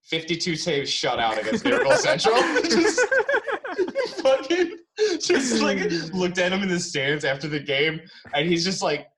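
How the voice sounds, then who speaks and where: Telling stories on a casual podcast he co-hosts, a young Chicago-area man laughs a lot and swears freely. He sounds high-pitched, very animated, unhurried and fairly bright, though the audio is poor, with a little hiss or hum.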